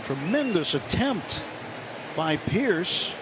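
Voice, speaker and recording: A man calls live baseball play-by-play on radio from a stadium booth, his high-pitched voice very animated yet slow. He uses colorful, folksy turns of phrase while a roaring crowd and loud ballpark noise fill the recording.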